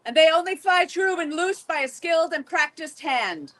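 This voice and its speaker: A woman acting as herald at a medieval reenactment court, loudly declaiming ceremonial proclamations in formal, old-fashioned renaissance fair speech. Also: very high-pitched, expressive, moderate pace.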